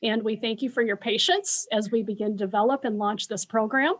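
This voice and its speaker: An American woman hosting an informational webinar as a school official, speaking in a measured way with pauses for an interpreter. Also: on the high side, fairly even intonation.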